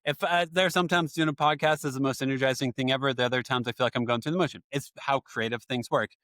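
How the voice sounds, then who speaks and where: A man's voice: medium pitch, steady tone, fast talker, a bit bright, dry recording, studio quality. A man from the American Midwest hosting a casual podcast, talking earnestly and chatting as a father. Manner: earnest, chatty, agreeing often.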